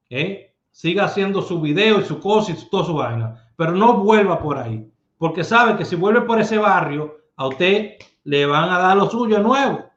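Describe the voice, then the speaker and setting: A man giving streetwise advice in a casual monologue, emphatic and full of rhetorical questions. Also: on the high side. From Dominican Republic. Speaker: lottery numerologist host. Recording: echoey room, dull lo-fi sound.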